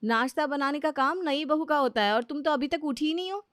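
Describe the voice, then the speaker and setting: A woman voicing a bossy elder sister-in-law who scolds loudly and sharply. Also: sits high, fairly quick, no echo, clean studio sound, pitched above the performer's own voice. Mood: scolding, exasperated.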